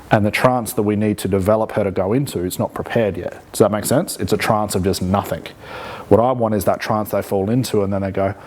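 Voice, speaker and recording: Low-pitched male hypnosis instructor. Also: a little mellow. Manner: conversational, explanatory, checks in with rhetorical questions. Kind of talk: live teaching demonstration with commentary.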